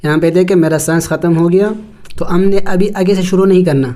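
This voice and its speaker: Tajweed teacher, smooth clear voice, mid pitch, drills syllables slowly and explains rules quickly. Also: fairly even intonation, dark tone. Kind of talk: step-by-step recitation lesson.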